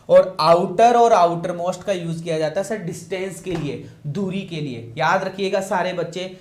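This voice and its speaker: A man's voice: high voice, darkish tone. A male teacher, giving a lecture, repeating each point and answering his own questions. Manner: repetitive, asks questions and answers them himself. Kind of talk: classroom-style lecture. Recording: echoey room.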